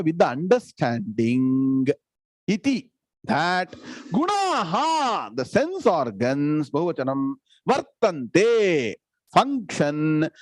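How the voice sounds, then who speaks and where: High-pitched South Indian man teaching scripture. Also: no echo. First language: Tamil. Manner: didactic, repeats phrases, checks understanding with questions. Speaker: spiritual teacher. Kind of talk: live scripture lecture with verse glosses.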